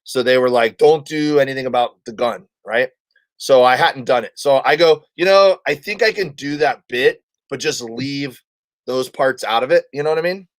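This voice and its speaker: A man's voice: mid-range voice, normal speed, dry recording. A man, a comedian guest, telling a story in a casual interview and acting out the quotes of the people in it.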